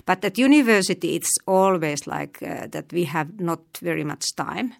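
A thoughtful middle-aged language teacher from eastern Finland answers interview questions in a Finnish accent, pausing often and restarting her sentences. Her voice sits lowish and sounds expressive and creaky.

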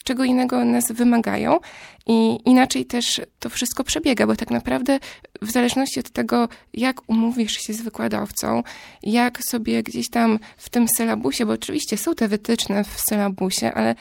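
Gravelly woman explaining at length. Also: on the high side, little pitch movement, a little mellow, dry recording, clean studio sound. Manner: measured, explanatory, builds long argued sentences. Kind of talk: casual discussion.

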